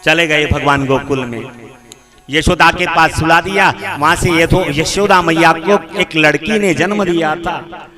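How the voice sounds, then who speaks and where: Slow, dramatic male sermon preacher. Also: a little high. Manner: dramatic, acts out dialogue, addresses audience directly. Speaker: katha preacher. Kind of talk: devotional sermon storytelling. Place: outdoor religious gathering.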